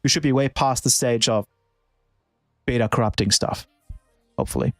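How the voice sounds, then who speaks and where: A man's voice: mid-range voice, moderate pace, fairly bright tone, no room sound. A man who produces music, chatting casually on a live stream and thinking aloud with many restarts.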